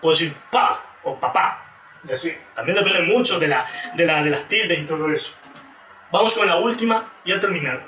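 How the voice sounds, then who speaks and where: A man's voice: sits high, sharp tone, slight background noise. A man teacher giving a class presentation, explaining with examples and often correcting himself as he goes. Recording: echoey room from a distance with faint music.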